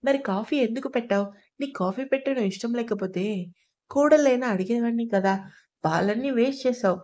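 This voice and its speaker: A woman's voice: a little high, a little fast, a little mellow, natural voice. A woman doing a stern scolding old husband. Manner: scolding, lecturing. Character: stern older man, irritable husband and father-in-law. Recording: dull lo-fi recording.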